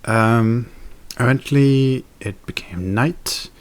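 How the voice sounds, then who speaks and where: A man's voice: mid-range voice, takes it slowly, clear, resonant tone. A young man chatting casually in a daily vlog, rambling with fillers and self-corrections. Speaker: video blogger.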